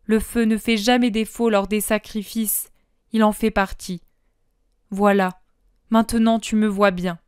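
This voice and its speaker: A woman voicing Jesus as a calm, merciful man who speaks tenderly and slowly. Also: mid-range voice, clear, resonant tone, no echo, studio quality, close to an everyday voice. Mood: gentle. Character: gentle merciful male Jesus, calm and forgiving.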